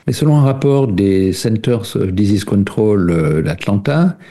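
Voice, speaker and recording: A man's voice: on the low side, expressive, a little slow, mellow. A man speaking as a radio guest, explaining nutrition and food intolerances at length with frequent hesitations and cited studies. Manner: explanatory, many fillers, cites studies.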